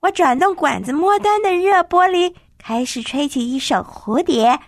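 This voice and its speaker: A woman reading a children's story aloud in a gentle, expressive way. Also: high voice, moderate pace, dry recording, clean studio sound.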